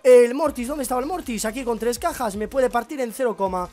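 A hoarse young man with a Spain Spanish accent, excitably commentating his own gameplay as a YouTuber, breaking into shouts and rambling. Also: very high-pitched, fast talker, soft background music. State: hoarse, sore throat. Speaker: gaming YouTuber.

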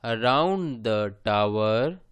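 A man reading aloud for beginning readers, deliberately and word by word, with long pauses between phrases. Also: mid-range voice, expressive, fairly bright tone, smooth, no echo.

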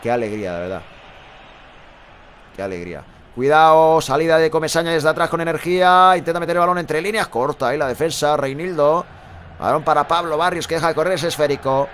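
Man, 40s, live match caller reading chat; high, bright, energetic and jokey. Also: fast talker. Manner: energetic, chatty, jokey asides. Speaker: streamer and football commentator.

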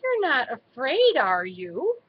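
A woman's voice: high voice, huge pitch swings, slow, lo-fi sound, a little hiss or hum, exaggerated voice. A woman voicing an eager, adventurous young female mouse in a storybook reading. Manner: eager, persuasive.

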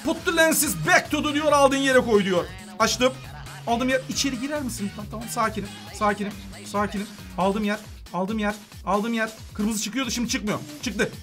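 A woman with a Turkish accent hosting a gaming channel, giving excited let's-play commentary full of urgent, repeated commands. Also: on the high side, normal speed, faint music behind.

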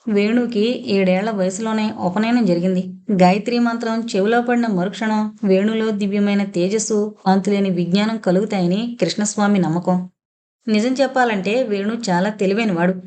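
A woman narrating a novel as an audiobook, with steady, expressive storytelling. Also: medium pitch, normal speed.

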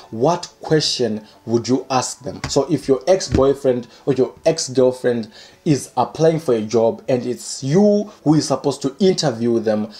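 A young man in his twenties hosts his own channel, reading viewers' comments aloud and riffing on them with playful energy. His voice is warm and mellow, at an everyday pitch. Faint music plays softly behind him as he talks to the camera in a room. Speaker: channel host. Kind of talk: casual comedic commentary. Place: indoor room by a curtained window.

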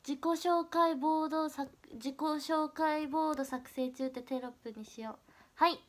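A young woman, an idol livestreamer, chats casually on her stream while crafting, her voice stuffy from a runny nose. She pushes herself to sound upbeat, with forced high energy, fairly even intonation and a moderate pace.

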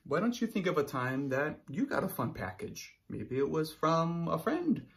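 A man in his thirties with a fairly high, very animated voice and some vocal fry reads aloud to children at a moderate pace. He's a teacher giving an expressive read-aloud lesson, explaining things and often checking in with his listeners. It takes place in a small indoor room.

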